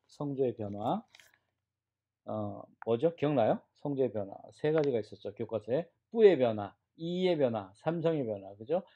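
A man with a warm, mid-range voice teaches a beginner Chinese class as a classroom lecture. He explains the tones and drills syllables aloud for students to repeat.

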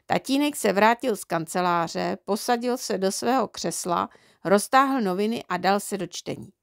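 A woman reading a children's book aloud as an audiobook in lively storytelling. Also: mid-range voice, gravelly, no room sound, studio quality. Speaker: audiobook reader.

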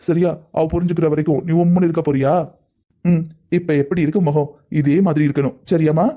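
A man voicing a kind older father-in-law who talks gently and reassuringly in a cartoon family drama. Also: a little high, natural voice. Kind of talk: cartoon voice acting.

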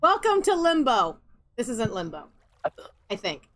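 With game music and cutscene audio in the background, a young woman gives sarcastic, ranting let's-play commentary, cursing freely as the cutscenes roll. Her somewhat high, slightly bright voice swoops wildly in pitch, yet her pace is unhurried.

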